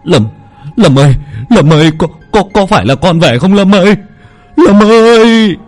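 A man's voice: a little high, lively intonation, moderate pace, mellow, faint music behind, pitched above the performer's own voice. A man voicing a middle-aged father who sobs and stammers as he cries out to his dead son. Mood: wailing.

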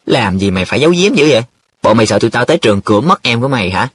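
A man's voice: medium pitch, sing-song, a bit bright, slightly rough. A man doing a cheeky boastful young man. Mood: teasing. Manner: wheedling, dramatic, quick teasing banter.

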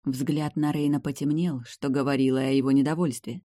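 A woman reading a first-person novel aloud as an audiobook narrator, steady and expressive. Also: rumbling low, fairly quick, no room sound, clean studio sound.

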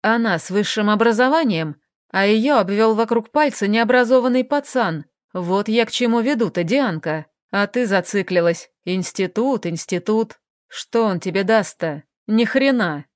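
A woman's voice: medium pitch, animated, moderate pace, no room sound, clean studio sound, natural voice. A woman reading an audiobook, voicing a blunt, coarse, pushy man in an offhand manner. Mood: persuading.

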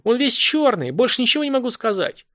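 A man voicing a terrified woman on the phone to the police, shrill and sobbing, pleading frantically. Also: animated, brisk, dry recording, clean studio sound. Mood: frantic. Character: panicked woman caller alone at home.

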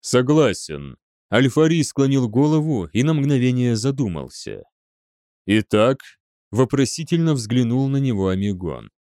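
A man's voice: medium pitch, very animated, normal speed, mellow, no room sound, studio quality. A man narrating an audiobook in a dramatic storytelling manner. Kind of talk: scripted narration.

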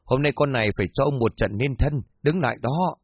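A man voicing a sharp-tongued young village wife who scolds her drunk husband in shrill shouts. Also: fairly quick, breathy edge, no echo, studio quality, natural voice. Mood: scolding.

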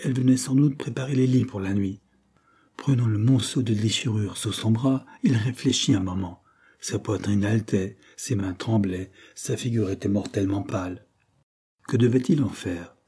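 Husky low-voiced man reading a novel. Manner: steady, measured narration. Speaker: audiobook narrator.

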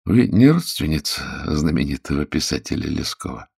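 A man voicing a suave, cold secret police officer who speaks smoothly and quietly. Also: a bass voice, sing-song, moderate pace, heavily acted. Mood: cool.

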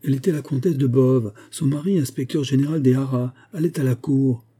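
Male audiobook reader, mid pitch, very warm dark timbre, husky, measured literary delivery. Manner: measured, expressive novel reading. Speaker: audiobook narrator.

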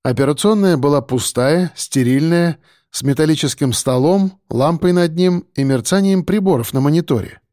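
Man, audiobook narration, measured delivery, slightly high pitch, dry sound. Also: mellow, no room sound.

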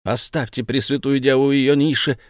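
A man's voice: fairly high pitch, measured pace, dry recording, studio quality, voice pushed up, lightly acted. A man doing fiery trickster Ulenspiegel. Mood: impassioned. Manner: impassioned, pleading. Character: bold young male trickster Ulenspiegel, fiery orator.

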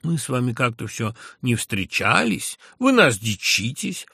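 A man's voice: mid-range voice, sing-song, measured pace, creaky, bright, forceful tone, slightly rough, dry recording, studio quality, voice pushed up, exaggerated voice. A man voicing a pompous, condescending young man who lisps and drawls his words. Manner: lisping, drawling, mocking.

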